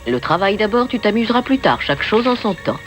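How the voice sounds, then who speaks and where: A stern older woman, played by an actress in a film drama, curt and commanding. Her pitch swings widely, and music runs behind her voice. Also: big pitch swings, fairly quick, lightly acted. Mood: strict.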